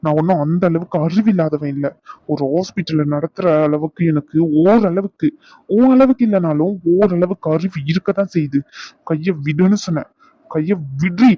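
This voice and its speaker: A man's voice: high-pitched, normal speed, no echo. A man voicing a jealous young husband in a dubbed cartoon, sarcastic and accusing, recorded lo-fi. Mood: bitter. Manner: accusing, sarcastic, repeats his demands. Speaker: cartoon voice actor.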